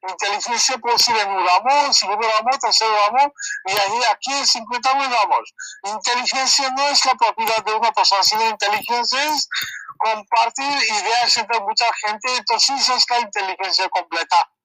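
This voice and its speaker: Earnest very high-voiced man lecturing. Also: pushed and bright, dry recording, low-quality recording. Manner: earnest, lecturing, halting non-native Spanish. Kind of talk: heated argument.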